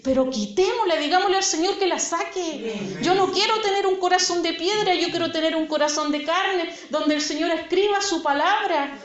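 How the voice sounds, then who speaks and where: A woman's voice: very high-pitched, normal speed. A woman preaching a sermon in a church, speaking earnestly and addressing listeners as sister. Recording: echoey church hall, dull sound, congregation.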